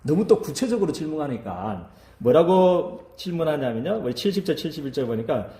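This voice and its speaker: A man's voice: a little high, very animated, brisk, mellow, echoey room. A male pastor preaching a sermon in a church, who keeps asking the congregation to agree with him.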